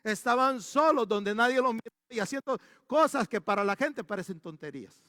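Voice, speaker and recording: A man's voice: very high voice, lively intonation, a little fast, pushed and bright, no echo, clean studio sound, in a large hall. A male pastor preaching a storytelling sermon in a church. He talks animatedly and often restarts his sentences.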